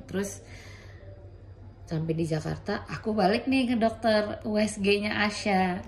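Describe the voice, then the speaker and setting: A woman with a low, gravelly, mellow voice tells her own story in a relaxed vlog. She retells conversations in a chatty way and slips English medical terms into her talk. A faint hiss sits under her voice. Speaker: mother sharing her thyroid cancer experience.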